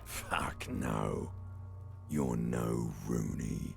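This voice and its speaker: A sardonic corpse from a video game, speaks in a rock-bottom bass thick with gravel. He drawls slowly and tauntingly, weary and breathy, like a dead man talking inside a detective's head. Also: a little mellow, faint music behind, heavily acted. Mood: mocking. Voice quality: very gravelly, guttural rasp, often breathy. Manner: slow, drawn-out, taunting delivery.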